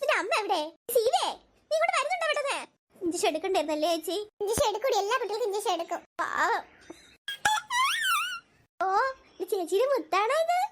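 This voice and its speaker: A squeaky, sky-high cartoon family of girls and their mother, all voiced by one woman. She snaps between shouty sibling bickering and soft cooing over babies. A steady hiss of background noise sits under the voice. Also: fast talker, long pauses. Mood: tender. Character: chatty young sisters and their mother. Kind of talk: animated cartoon voice acting. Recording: noisy home recording.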